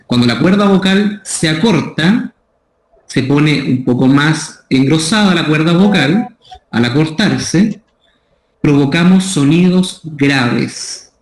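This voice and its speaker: A man's voice: on the high side, animated, takes it slowly. A man with a Chilean Spanish accent giving a methodical, explanatory lecture on voice care, repeating his key terms. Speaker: voice care workshop instructor. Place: school room. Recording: echoey room.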